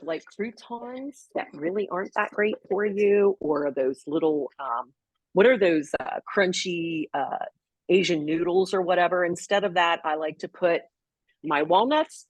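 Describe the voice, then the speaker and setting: Husky woman chatting through a cooking demo. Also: lowish voice, a little slow, dry recording. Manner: chatty, explains step by step while preparing food. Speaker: co-host. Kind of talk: casual cooking demo chat.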